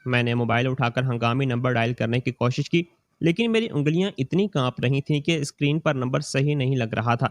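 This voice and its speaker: A man reading a scripted moral story in the first person, slow and steady. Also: mid-range voice, no room sound.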